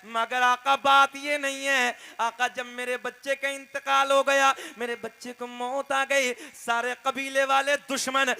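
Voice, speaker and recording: Male preacher, high and gravelly, slow sing-song sermon chant. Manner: drawn-out, sing-song delivery, rising to shouts; drops to quick low asides to the crowd.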